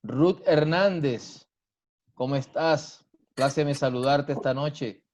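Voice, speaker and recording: A pastor on a video call preaches, greets online viewers, and prays and blesses people fervently, repeating his phrases. His medium-pitched voice is slow and darkish, heard through dull, muffled stream audio.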